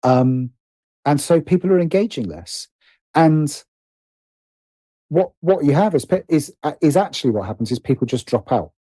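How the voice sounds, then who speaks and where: Speaking at normal speed with long pauses, this middle-aged man is a writer and producer guesting on a podcast, and he keeps stumbling into false starts and self-corrections during the casual conversation. His slightly high voice has lively intonation and a warm, slightly rough tone, captured dry.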